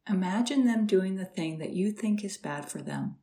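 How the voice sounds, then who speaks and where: A woman guiding a slow, soothing meditation with gentle instructions and long pauses. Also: mid-range voice, lively intonation. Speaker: meditation guide. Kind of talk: guided meditation.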